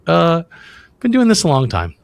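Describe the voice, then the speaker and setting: A man's voice: fairly high pitch, huge pitch swings, normal speed, vocal fry, dry recording. A man, co-hosting a casual podcast interview in a chatty, friendly way with many restarts. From Louisiana, US. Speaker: podcast co-host.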